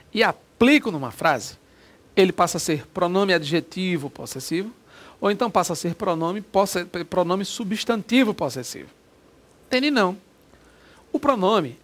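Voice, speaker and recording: A man teaching a grammar lesson for an exam, explaining step by step and asking himself rhetorical questions. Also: high-pitched.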